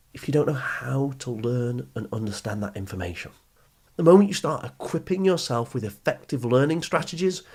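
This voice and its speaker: The voice is a man's, slightly high and darkish, belonging to a British podcast host who coaches study skills. His motivational advice comes across emphatically and explanatorily, aimed straight at listeners, with repetition and rhetorical questions.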